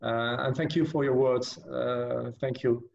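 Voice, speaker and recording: A man's voice: mid-range voice, fairly even intonation, a little slow, vocal fry, a little mellow, recorded from a distance, lo-fi sound, a little hiss or hum. A man with a French accent, a native French speaker, thanking the host over a video call in polite, hesitant English and repeating his words. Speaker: guest artist. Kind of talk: casual thanks in a video chat.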